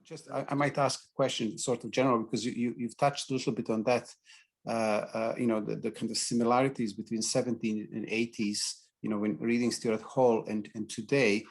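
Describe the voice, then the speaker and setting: A man's voice: medium pitch, little pitch movement, brisk, breathy edge. A man hosting an academic roundtable, hesitant as he frames his questions and repeating words. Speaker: host, sociology lecturer.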